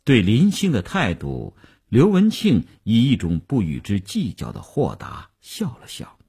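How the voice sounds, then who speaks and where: A man narrating a radio novel at a measured pace. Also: fairly low pitch, wildly swooping pitch, mellow, breathy edge. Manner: measured storytelling. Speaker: novel reader.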